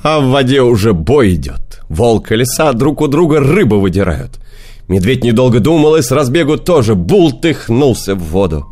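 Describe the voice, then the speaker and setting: A man reads children's fairy tales aloud with a lively, sing-song lilt at a middle pitch. He tells the story in an expressive, animated audiobook style. Faint music runs behind him. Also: moderate pace. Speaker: narrator.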